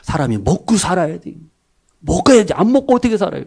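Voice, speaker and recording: A man preaching with a high voice that leaps from loud bursts to hushed, low asides. He keeps asking the congregation questions and answering them himself. Now and then he acts out short everyday lines in little voices of their own. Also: very animated, fairly quick, gravelly, slightly rough. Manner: dramatic swings between loud bursts and soft low asides. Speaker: pastor. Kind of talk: sermon.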